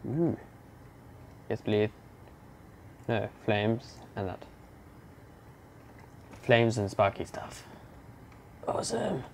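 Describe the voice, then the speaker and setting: A young man giving casual commentary while playing a game, muttering to himself and breaking into silly shouts and growls. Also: lowish voice, fairly even intonation, very slow, long pauses, a little hiss or hum. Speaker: gamer playing through a game. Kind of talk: casual let's-play commentary.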